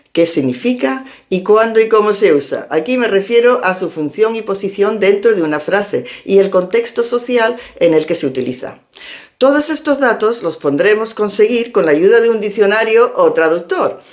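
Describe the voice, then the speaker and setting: A woman teaches a language lesson, laying out each step clearly and methodically. Her pitch rises and falls in a lively, animated way as she explains. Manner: clear, step-by-step instructive delivery. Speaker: English teacher and linguist.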